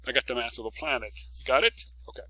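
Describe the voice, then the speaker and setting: A man's voice: mid-range voice, fast, pushed and bright, poor audio. A man teaching a recorded physics lecture, working through a problem step by step, stressing key words and often checking in with "okay?". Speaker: physics professor.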